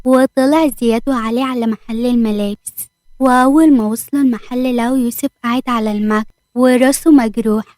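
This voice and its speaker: High-voiced Egyptian woman storyteller. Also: fast talker, darkish tone, dry recording. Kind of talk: scripted story narration.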